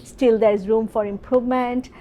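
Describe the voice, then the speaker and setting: A woman's voice: fairly high pitch, fairly even intonation, normal speed, warm tone, dull audio, slight background noise. A middle-aged woman, a professor explaining her research in a conference interview, with many fillers and restarts. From Bangladesh.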